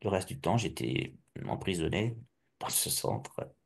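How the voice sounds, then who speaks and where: A middle-aged man from Alsace giving a personal testimony, halting and restarting often with repeated words. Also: deep voice, very animated, creaky, slightly rough. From Alsace, France.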